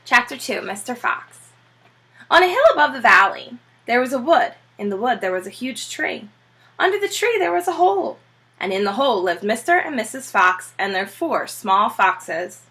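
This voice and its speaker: Here a teacher's high, bright voice carries a children's storybook read aloud. Her reading is expressive and emphatic, broken up by quick asides directed at her audience.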